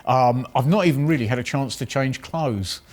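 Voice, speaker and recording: A man's voice: mid-range voice, normal speed, a little mellow. A man with an English accent recounting his own experience in anecdotal first-person storytelling. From England. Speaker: contestant recounting a speed-talking contest.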